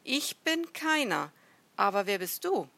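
A woman's voice: on the low side, animated, measured pace, dry recording, full character voice. A woman voicing a young boy prince who calls out boldly but warily in a storybook reading. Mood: calling, wary. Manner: calls out loudly, challenging.

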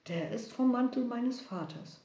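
A woman's voice: on the high side, a little slow, dark tone, voice pushed up. A woman voicing a young male traveler, proud, earnest, explaining, roomy dull recording.

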